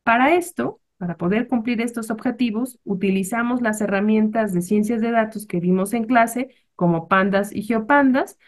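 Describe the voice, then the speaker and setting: A woman from Mexico, a botanist presenting a class project in a measured way, with fillers and self-corrections. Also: a little high. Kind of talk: academic presentation.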